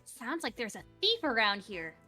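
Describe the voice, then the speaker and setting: Lively, bright young-sounding woman. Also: a little high, normal speed, faint music behind. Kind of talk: reading game dialogue aloud on a stream.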